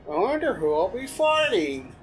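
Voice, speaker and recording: A man's voice: sits high, very animated, normal speed, slight background noise, low-quality recording. A young man playing a video game and commenting casually, swearing at frustrating moments. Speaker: gamer playing. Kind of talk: casual let's-play commentary. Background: game music.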